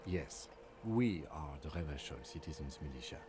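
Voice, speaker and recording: A man voicing a calm, formal police lieutenant who speaks in a measured, precise and courteous way. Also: low voice. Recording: game audio with clear background noise.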